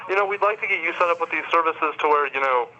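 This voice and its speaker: A man selling cable over a dull, muffled phone line, speaking fast in a high, bright voice. He is polite and stumbles over his words, repeating sir throughout. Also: slight background noise. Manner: polite, stammering, keeps saying sir. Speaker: cable sales rep. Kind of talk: sales phone call.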